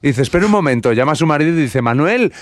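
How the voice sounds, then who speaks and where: A man who tells jokes with halting, animated storytelling. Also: fairly high pitch, no room sound, clean studio sound. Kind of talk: joke telling.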